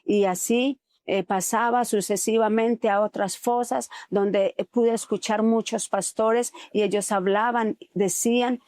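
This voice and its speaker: A woman's voice: on the high side, fairly even intonation, measured pace, few pauses, a little mellow, no echo. Earnest woman giving a religious testimony. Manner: earnest, with frequent hesitant fillers. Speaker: testimony speaker.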